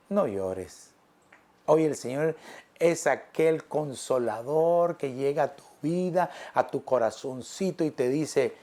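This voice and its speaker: Preaching with a pastor's earnestness, this man addresses the congregation as brother. His phrases stretch out slowly, sinking into a soft, low register.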